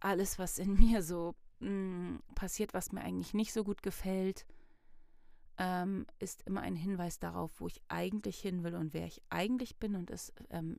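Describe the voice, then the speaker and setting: A woman with a fairly low, gravelly, mellow voice gives a casual self-help talk, reflecting and thinking aloud with fillers and often acting out little inner dialogues. The studio-quality recording has no echo.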